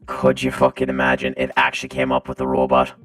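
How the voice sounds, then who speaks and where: A man's voice run through a metallic robotic filter that drops it to an extremely low pitch. He talks loudly and casually, joking and cursing as he chats to viewers. Faint music plays underneath. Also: completely flat delivery, quick pace. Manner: loud, swearing, joking. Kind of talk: casual live-stream chat.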